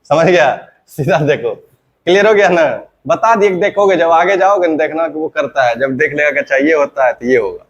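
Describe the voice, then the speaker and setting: A man with a fairly high voice teaches grammar to a class. He keeps asking the students questions and answering them himself. He says each example sentence slowly, more than once. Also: expressive, lo-fi sound.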